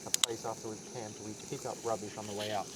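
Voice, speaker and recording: A man's voice: on the low side, level tone, fast, slight background noise. A British man chatting casually outdoors, laid-back and full of matey slang. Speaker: camping vlogger's companion. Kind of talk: casual chat. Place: outdoors at a campsite.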